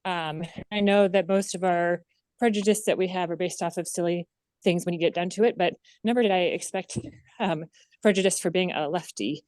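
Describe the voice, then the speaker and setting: Smooth lower-voiced woman introducing speakers. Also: steady tone, moderate pace, a little mellow, no echo. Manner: hesitant, many "um" fillers.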